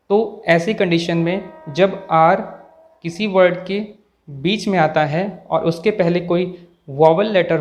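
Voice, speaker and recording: A male teacher explains English pronunciation rules in Hindi at an unhurried, careful pace. His voice sits slightly high, and he repeats example words slowly to show the contrast. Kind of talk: slow, deliberate explanatory lesson.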